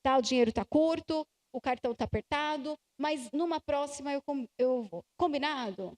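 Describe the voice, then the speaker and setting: A Brazilian woman giving slow, emphatic advice to parents at a church family conference, acting out little dialogues. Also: sits high, a little mellow. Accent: Brazilian Portuguese. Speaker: conference speaker. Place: church hall. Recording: church hall with long reverb.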